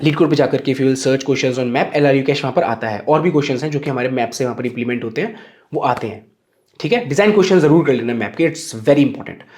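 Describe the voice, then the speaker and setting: A man's voice: mid-range voice, fairly quick, darkish tone. A young man from India explaining programming topics in a casual, explanatory way, often checking in with his listeners. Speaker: programming educator. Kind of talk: Hinglish tech tutorial talk.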